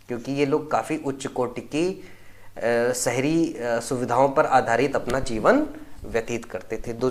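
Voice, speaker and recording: A young man teaching a quiz lesson for exam prep, explaining each answer step by step and checking in with his listeners often. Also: mid-range voice. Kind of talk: recorded quiz lesson walkthrough.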